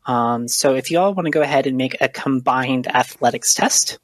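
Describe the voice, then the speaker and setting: A woman narrating a tabletop role-playing game as game master, with many pauses and ums. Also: very deep voice, no room sound.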